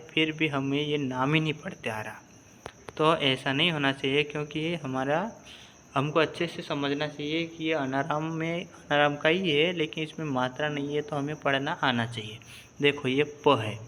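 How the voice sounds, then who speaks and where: A man's voice: a little high, pushed and bright, slight background noise. A man teaching a reading lesson step by step, patiently repeating and spelling out syllables.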